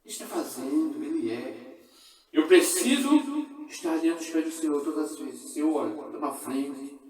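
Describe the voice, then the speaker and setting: A man preaching a sermon at a church service with a Brazilian Portuguese accent, swinging between hushed and loud. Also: fairly high pitch, animated, normal speed. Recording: echoey church from far off. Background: congregation responding.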